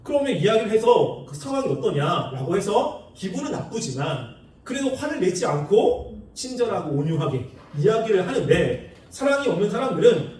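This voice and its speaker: A man preaching a sermon in a lively, animated way, acting out the people he quotes with laughs. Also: sits high, normal speed. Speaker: pastor. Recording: echoey room, far from the mic.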